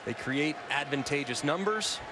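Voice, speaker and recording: A man's voice: on the high side, lively intonation, normal speed. A man giving explanatory football analysis as a color commentator, thinking through plays from the inside. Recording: loud stadium noise behind.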